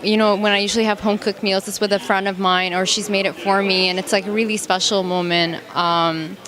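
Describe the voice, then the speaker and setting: A woman of twenty answering interview questions in a thoughtful, halting way. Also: medium pitch, level tone, a crowd in the background. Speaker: student interviewee.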